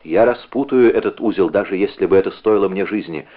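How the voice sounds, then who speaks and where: A man voicing a tormented young man bent on revenge, confessing in halting, intense bursts. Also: fairly low pitch, lively intonation. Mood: fierce. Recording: narrow phone-like audio.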